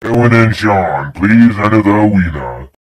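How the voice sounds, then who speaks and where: A man voicing a referee character in an amateur animation, calm and announcing. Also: lowish voice, normal speed, rough recording.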